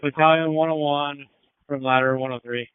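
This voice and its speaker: A man's voice: on the high side, fairly even intonation, normal speed, clear, resonant tone, no room sound. A man, a firefighter officer, giving clipped, urgent, businesslike status reports over a two-way radio. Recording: narrow-band two-way radio transmission.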